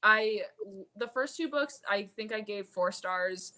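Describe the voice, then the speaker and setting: As a guest host on a book discussion live stream, a woman chats casually and informally, exclaiming often and feeling her way through her thoughts. Her medium-pitched voice sounds pushed and bright at a measured pace, with clearly noisy room ambience.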